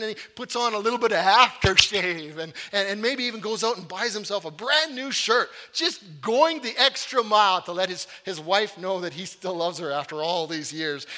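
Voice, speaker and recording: A man preaching a sermon, telling stories with energy, then turning to earnest, quieter appeals, and repeating words as he restarts phrases. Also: high-pitched. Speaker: pastor.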